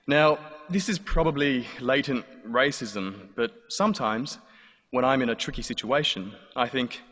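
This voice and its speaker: An Australian man in his thirties tells a comic personal story on stage in a dry, wry way, before a live audience in a large hall. His voice is medium-pitched and fairly bright at a normal speed. The hall gives long reverb and faint noise.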